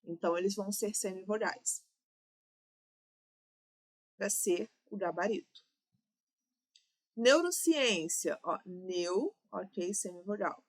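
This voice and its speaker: A woman's voice: medium pitch, takes it slowly, pauses often. A woman with a Brazilian Portuguese accent, teaching an exam-prep grammar lesson, explaining step by step and checking in with "ok?" and "né?".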